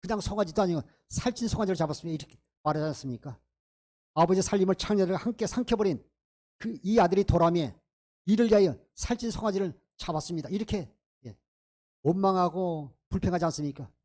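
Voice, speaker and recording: A man preaching a sermon in a high-pitched voice. He is emphatic and often turns to the congregation with rhetorical questions. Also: fast, darkish tone. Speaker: pastor.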